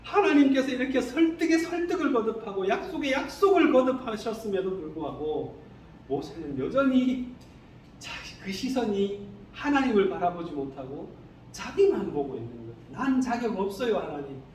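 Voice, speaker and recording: A male pastor preaching a sermon in a church, animated, who keeps asking the congregation rhetorical questions. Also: high-pitched, normal speed. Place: church sanctuary. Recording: echoey hall, distant mic, faint noise.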